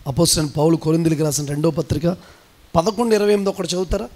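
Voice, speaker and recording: A male pastor from India with a Telugu accent, preaching a sermon that swings from low, quick talk to shouted commands and sing-song chanting.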